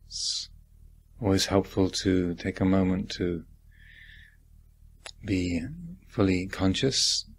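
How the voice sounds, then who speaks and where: With a deep, husky voice, a man leads a guided meditation, speaking deliberately and reflectively, asking gentle questions and leaving long pauses.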